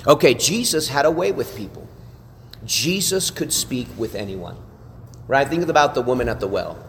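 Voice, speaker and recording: A man teaching a class like a sermon, animated and full of rhetorical questions and tag questions. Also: medium pitch, moderate pace, gravelly, in a large hall, a little hiss or hum. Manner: animated, asks rhetorical questions, frequent "right?".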